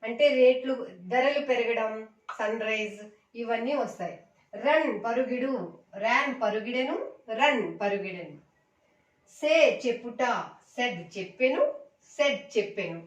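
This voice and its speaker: A woman with a fairly high voice leads a vocabulary drill, chanting each word and its meaning in a steady, repetitive pattern. She stands back from the mic, and the room gives her voice a noticeable echo. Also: measured pace, pauses often, far from the mic, muffled recording. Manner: recites word lists in a repetitive chant, addresses viewers as friends. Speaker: English teacher. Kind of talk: slow drilled vocabulary lesson.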